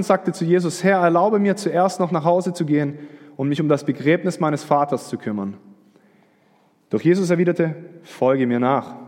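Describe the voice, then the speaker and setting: An earnest man preaching a sermon, moving between prayer and reading scripture aloud. His voice sits a bit high for a man, and he often restarts and repeats words as he talks. Long reverb trails behind him, as in a church hall. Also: a little mellow.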